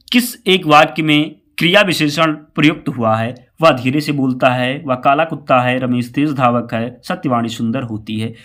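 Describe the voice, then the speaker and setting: Slightly hoarse male quiz teacher. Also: mid-range voice, fairly bright tone. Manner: repeats each question and answer, keeps saying "keep in mind". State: a bit hoarse with a fever. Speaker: exam-prep teacher. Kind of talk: quiz walkthrough lesson.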